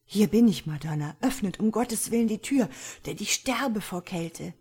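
A woman's voice: medium pitch, expressive, moderate pace, darkish tone, husky, pitched above the performer's own voice. A woman voicing a freezing young male scholar who begs desperately to be let in, for a storybook reading. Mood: pleading. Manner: pleading, desperate.

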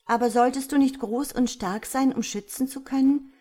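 A woman voicing an indignant, spirited young woman who speaks in a sharp, accusing way, in a storybook reading. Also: on the high side, animated, unhurried, pitched above the performer's own voice. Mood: annoyed.

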